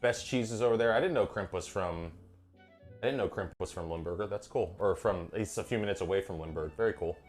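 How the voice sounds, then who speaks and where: A low-voiced man speaks fairly fast over faint background music, livestreaming himself cooking in his kitchen. He's had some wine and trades swear-laden jokes in relaxed chat with his viewers.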